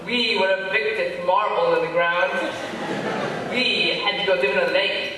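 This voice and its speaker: A man's voice: high-pitched, steady tone, moderate pace, crowd noise, natural voice. A man on stage playing an old man who scoffs at others' hardships and brags of worse ones. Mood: scoffing. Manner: scoffing, mock-grim bragging. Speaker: amateur stage actor. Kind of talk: stage comedy sketch. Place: hall stage. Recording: echoey hall from far off, with noise.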